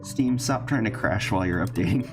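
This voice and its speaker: A male streamer chats casually while playing, narrating his thoughts and laughing at his own slips. His voice is on the low side. Game music runs steadily behind him. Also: animated, fairly quick. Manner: chatty, thinking aloud, laughs often. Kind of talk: casual gameplay commentary.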